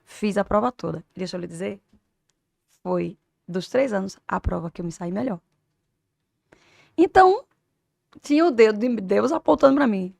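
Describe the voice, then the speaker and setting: A woman in her fifties, a teacher and doctor, tells an emotional personal story as an interview guest, swinging between hushed and loud. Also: mid-range voice, animated, moderate pace, creaky, long pauses, no echo, clean studio sound. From Brazil. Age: 50s.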